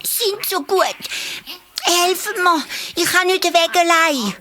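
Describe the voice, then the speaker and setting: A woman's voice: very high-pitched, slow pace, sharp tone, voice pushed up, full character voice. A woman with a Swiss German accent voicing a cheeky little male hare who stammers and blusters. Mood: pleading.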